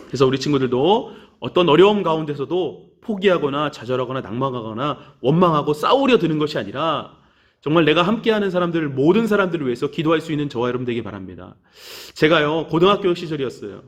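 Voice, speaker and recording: A man's voice: fairly high pitch, expressive, fast. A man preaching a children's sermon in a church, telling a story animatedly and acting out the voices of the people in it. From Korea. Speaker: children's pastor.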